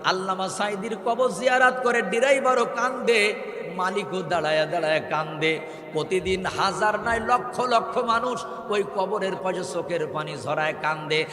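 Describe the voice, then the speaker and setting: A man preaching a waz sermon in rhymed, chanted lines that build to shouts, calling on the crowd to answer him. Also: high voice, moderate pace, echoey room, big-room sound.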